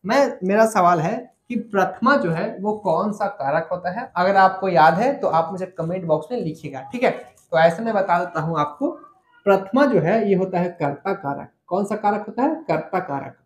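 A man teaching an online grammar lesson. He explains step by step, repeats the key points and asks his students questions. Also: sits high. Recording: echoey room.

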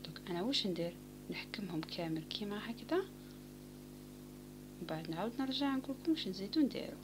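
A woman with an Algerian Arabic accent giving a calm step-by-step crochet tutorial, often dropping to a near whisper. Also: mid-range voice, fairly quick. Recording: home recording with clear background noise.

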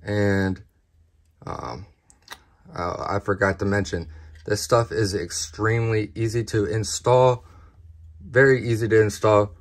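Slow, low-voiced man reviewing gear. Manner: relaxed, plain-spoken, addresses viewers as guys. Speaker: knife review channel host. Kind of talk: casual product review.

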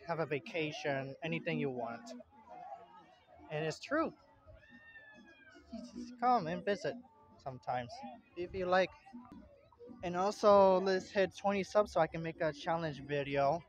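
A young man from Puerto Rico rambling casually as he films a beach vlog outdoors, holding his phone while he walks. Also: a little high. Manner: rambling, unhurried, plain-spoken. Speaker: vlogger. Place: outdoor beach park, in and out of a tent. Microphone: phone held in hand while walking. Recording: dull lo-fi phone audio.

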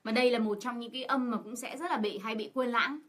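A woman with a bright, slightly high voice interprets for the class. She keeps asking her listeners questions and fills her pauses with short sounds. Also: fairly even intonation, slight background noise. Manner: asks rhetorical questions of the class, with many fillers. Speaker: co-teacher and interpreter. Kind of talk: explaining a lesson in Vietnamese.

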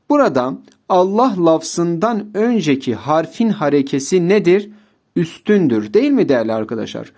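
A man teaching Quran reading in a recorded lesson, explaining rules and reciting practice words slowly, often addressing his viewers as dear friends. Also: fairly high pitch, a little mellow.

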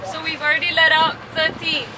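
A woman with a high voice talks from the helm of a sailboat, hesitant and often restarting mid-sentence. Loud wind buffets the camera mic on open water. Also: little pitch movement, fairly quick, crowd noise. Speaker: vlogger learning to sail.

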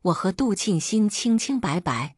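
A woman voicing a calm, principled male doctor who speaks firmly in a read-aloud story. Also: medium pitch, normal speed, slightly rough, no echo, studio quality. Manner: firm, level-headed.

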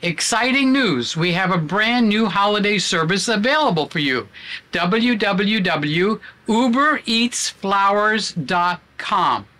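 Guy reading a bright cheery answering machine message, really spelling out each word. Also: high-pitched, expressive, slow, full character voice. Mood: cheerful. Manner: cheerful, overly clear articulation.

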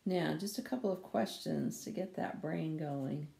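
Slow, gravelly older woman reading scripture. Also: deep voice, mellow. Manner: slow, careful reading with small slips corrected. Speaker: children's Sunday school teacher. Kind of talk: reading a Bible lesson aloud. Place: small room at home, wooden door behind. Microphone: webcam or laptop camera at close range. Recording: echoey room.

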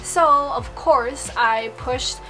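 A woman's voice: high-pitched, drawn-out words, pushed and bright. A woman in her twenties from Hawaii, giving upbeat casual advice to the camera from her bedroom and saying "like" often. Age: 20s. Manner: chatty, upbeat, lots of "like". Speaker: vlogger. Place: bedroom, indoors. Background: background music.

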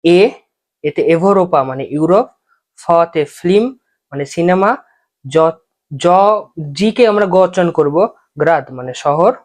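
Teacher walking thru an alphabet one letter at a time, slows down n repeats the example words so you can follow. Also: mid-range voice, darkish tone. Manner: patient, repeats example words slowly for learners. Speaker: language teacher. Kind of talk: spoken alphabet lesson.

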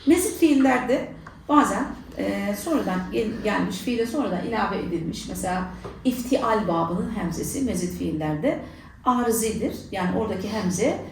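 A woman's voice: mid-range voice, expressive, normal speed, a little mellow, a little hiss or hum. A woman teaching a Quran recitation lesson, explaining rules and then asking and answering her own questions. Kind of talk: tajweed lesson. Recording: echoey room, voice from far off.

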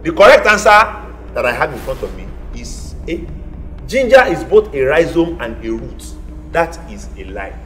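On an indoor television studio set, a middle-aged game show host talks in a sing-song way at moderate speed, theatrically stretching key words and swinging his pitch. His lapel mic picks up a little hiss or hum, with faint music in the background.

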